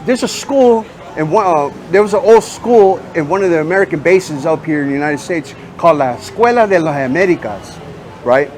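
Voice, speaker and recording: A man's voice: a little high, lively intonation, fairly quick, a little mellow, slight background noise. A man interviewing a stranger on the street in casual talk, pressing with questions and dropping in Spanish phrases.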